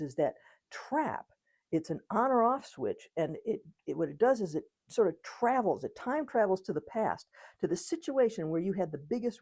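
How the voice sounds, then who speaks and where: A woman's voice: on the low side, warm tone, breathy edge. A woman physician giving an informal, conversational educational talk on trauma. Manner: conversational, acts out quotes, occasional laughs.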